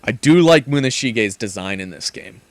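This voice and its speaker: A man's voice: mid-range voice, expressive, moderate pace, no echo. A man live-streaming a game, chatting casually with rambling asides and fillers. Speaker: gaming streamer.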